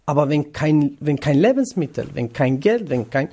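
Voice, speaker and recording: A young man from northern Iraq, talking in a radio interview. His voice sits a touch higher than most men's. His German is halting, with many pauses and fillers. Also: very animated, warm tone. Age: 20s. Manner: hesitant non-native German with many fillers. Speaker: interviewee, trainee cook.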